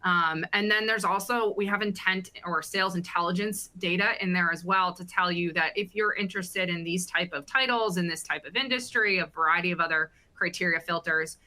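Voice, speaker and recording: A woman hosting a webinar Q&A over a video call, upbeat and filling pauses with ums. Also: fairly low pitch, sharp tone. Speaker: webinar host.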